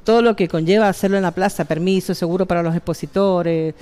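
A woman's voice: on the low side, steady tone, fast talker, mellow. A woman in her fifties with an Argentine accent, a fair organizer chatting in a TV studio interview on a headset mic, affirming and repeating phrases. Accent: Argentine Spanish.

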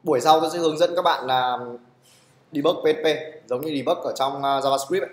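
Speaking fast in a voice on the high side, a man runs a live classroom coding lesson, and the room gives his voice a roomy sound. He checks in with students constantly, asking "được chưa?".

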